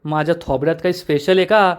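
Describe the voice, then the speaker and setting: A man voicing a huge, greedy woman prisoner who bullies and demands things gruffly. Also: fairly high pitch, fairly even intonation, fast talker, natural voice. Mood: bossy.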